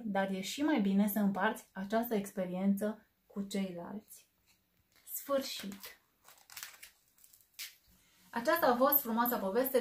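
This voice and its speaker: A woman reading a children's story aloud and hosting her own storytelling channel, expressive and lingering on words. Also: mid-range voice.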